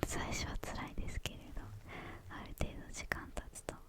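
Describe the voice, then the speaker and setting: A young woman whispers in a hushed, airy voice with no real voicing. She talks in ASMR style, answering questions in short phrases. Her delivery is tentative, with small pauses as she finds her words. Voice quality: hushed, breathy unvoiced whisper.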